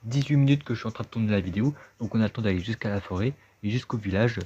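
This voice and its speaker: A man's voice: fairly low pitch, rapid-fire, dark tone, slight background noise. A man giving casual, chatty gameplay commentary, thinking aloud as he plays. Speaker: let's play gamer. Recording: dull lo-fi sound with game music.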